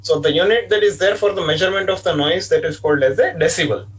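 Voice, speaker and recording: High-voiced lecturer, distant mic. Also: male voice, quick pace, a little hiss or hum. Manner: repetitive, explanatory, frequent "okay" fillers. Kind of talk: online lecture.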